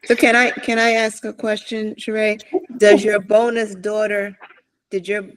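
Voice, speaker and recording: A man's voice: high-pitched, level tone, unhurried, a bit bright, smooth, poor audio. A man co-hosting a casual chat, asking careful, probing questions.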